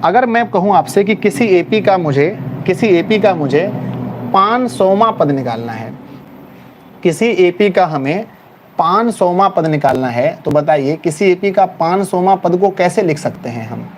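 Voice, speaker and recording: High-pitched male math teacher. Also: a little slow. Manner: lively, calls students "my child", teasing scolding. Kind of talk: classroom lecture. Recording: faint background noise with passing vehicles.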